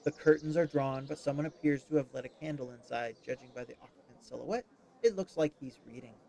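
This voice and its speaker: A man streaming himself as he reads a story game aloud, expressive but with small slips. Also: mid-range voice, brisk, gravelly. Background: game music.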